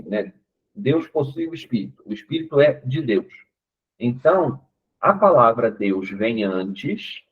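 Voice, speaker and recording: A man's voice: medium pitch, breathy edge. A man with a Brazilian Portuguese accent, an English teacher patiently explaining step by step in an online class, checking in with his students often. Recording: tinny narrowband online call audio.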